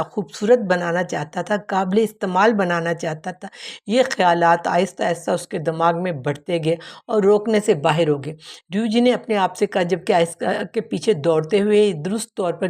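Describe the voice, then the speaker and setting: A woman's voice: lowish voice, a little mellow. A woman narrating a translated novel as an audiobook, telling the story steadily with the odd self-correction.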